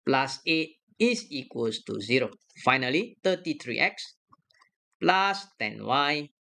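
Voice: mid-range voice, pushed and bright. A math lecturer talking through a worked problem step by step on a screen recording, checking each sum aloud. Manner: works aloud step by step, checking their own sums.

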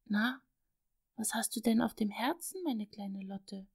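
A woman's voice: mid-range voice, very animated, measured pace. A woman voicing a father, a doctor who speaks firmly to his little daughter with a fond undertone. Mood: gentle. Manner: firm, then gently teasing. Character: father, a stern but loving doctor.

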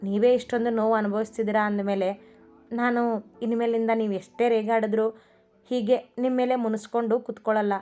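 A woman voicing an affectionate young wife who gently scolds her husband in a storybook reading. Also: a little high, level tone, fairly quick, natural voice. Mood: gently scolding. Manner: concerned, gently chiding. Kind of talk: storybook narration with voiced characters. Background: faint music.

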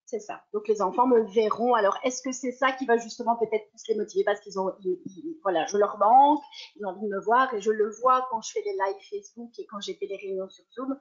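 Woman teacher walking through her online class setup, higher voice, muffled lo-fi call sound. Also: a little fast. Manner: lively, explanatory, self-correcting. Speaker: primary school teacher. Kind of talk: webinar presentation. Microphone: video call. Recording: dull lo-fi online call audio.

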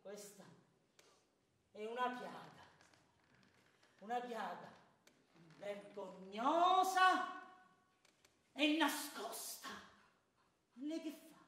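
A man's voice: very high-pitched, lively intonation, very slow, pauses often, full character voice. A man playing Ciampa, bitter wronged clerk. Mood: bitter, pleading. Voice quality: theatrical, swings from hushed to shouting. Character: wronged middle-aged clerk Ciampa, bitter, proud, desperate. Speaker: amateur stage actor. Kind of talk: stage theatre performance. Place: theatre stage. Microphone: distant room mic. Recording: echoey stage from far off.

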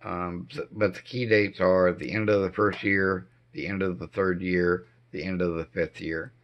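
A middle-aged man with a hoarse voice impaired by throat cancer treatment, giving a halting, casual update at home with many pauses. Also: low voice, little pitch movement. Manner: slow, halting delivery with frequent ums. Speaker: homestead vlogger. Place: dim living room indoors. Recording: dull lo-fi camera audio.

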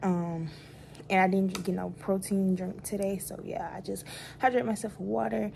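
A young woman rambles easily in a casual vlog about her day, greeting viewers as y'all while holding her phone close at arm's length. Her mid-range, gravelly voice moves at a moderate pace over a little hiss or hum, and the setting goes from her bedroom to a car in heavy rain.

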